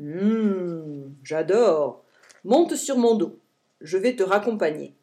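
A woman voicing a big, good-natured male bison with a deep, booming voice in a children's story. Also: lively intonation, slow, background noise. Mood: amused.

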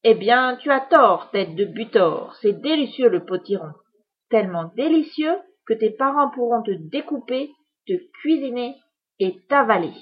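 Cast a woman as a spiteful, grandiose witch who hurls insults with theatrical relish. The voice sits high and a little husky, slow and deliberate. Recorded with a slightly dull sound. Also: animated. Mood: gloating. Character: boastful furious female witch, grandiose and spiteful. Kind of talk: storybook reading.

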